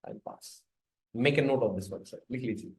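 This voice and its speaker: A man's voice: mid-range voice, racing. A man with an Indian accent giving an informal exam-prep biochemistry lecture, emphatic and repetitive, slipping between English and Hindi and tagging phrases with questions.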